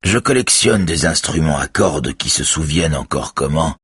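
A man's voice: very deep voice, expressive, normal speed, a bit bright, husky, dry recording, studio quality, exaggerated voice. A man voicing a sinister male collector who keeps his menace tightly controlled behind a smile, read in an audiobook. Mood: cold. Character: sinister smiling male collector, cold host.

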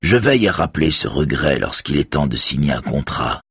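Reading an audiobook, a man performs a cold, sinister collector who smiles while keeping his menace under tight control. His exaggerated bass voice is sing-song and brisk, a bit bright with a breathy edge, recorded cleanly in a studio without echo.

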